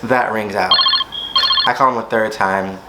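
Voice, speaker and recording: A man's voice: steady tone, a little slow, heavy background noise. Dramatic young man telling a story. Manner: dramatic storytelling with acted quotes and sudden high squeals. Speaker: vlogger. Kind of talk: storytime vlog.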